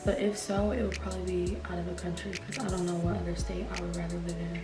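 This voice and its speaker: A woman's voice: lowish voice, level tone, fast. Young woman chatting casually in an echoey room. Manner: informal, slangy, frequent swearing. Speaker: YouTuber answering viewer questions. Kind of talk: casual mukbang Q&A chat while eating. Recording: roomy echo with background music.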